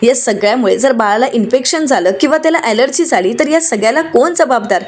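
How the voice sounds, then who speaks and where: A woman's voice: fairly high pitch, animated, fast talker, natural voice. A woman reading a stern accusing young husband. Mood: reproachful. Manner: reproachful, lecturing.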